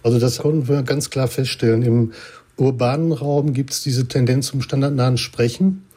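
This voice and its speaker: A man who researches language, explaining his findings in an interview and now and then pausing on a filler. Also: mid-range voice, fairly even intonation, dark tone, husky. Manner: explanatory, with some hesitant fillers. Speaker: linguistics researcher. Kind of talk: interview answers.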